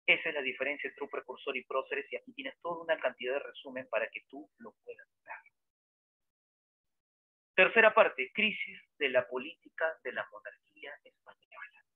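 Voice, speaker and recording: A man, a history teacher giving a lively lecture full of dramatic storytelling and rhetorical questions, heard over a tinny phone-like line. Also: mid-range voice, moderate pace, slightly rough, no echo. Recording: dry, tinny phone-like sound.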